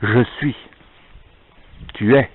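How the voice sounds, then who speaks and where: A man's voice: medium pitch, steady tone, extremely slow, slightly rough. Man declaiming in an echoing stone arcade. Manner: emphatic, declamatory, with repeated phrases. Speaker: vlogger filming himself on a visit. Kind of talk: improvised spoken monologue to viewers. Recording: echoing stone arcade, dull narrow sound.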